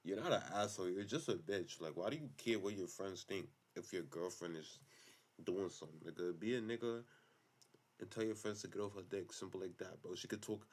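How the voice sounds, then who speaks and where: A man's voice: low voice, a little fast. A man giving casual reaction commentary on online stories, blunt, slangy and profane.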